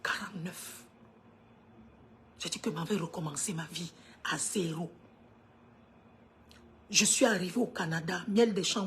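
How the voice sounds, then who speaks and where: A woman's voice: on the low side, a little hiss or hum. A woman in her fifties from Cameroon, with a Cameroonian French accent, giving an earnest motivational talk on a live stream. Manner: earnest, swings from hushed to emphatic.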